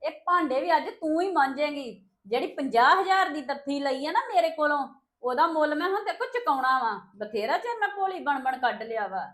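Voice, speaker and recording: A woman acting a wronged woman of the house in a family skit, speaking gravely, with warnings. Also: high voice, expressive, a little fast, few pauses, fairly bright tone. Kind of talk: scripted family drama.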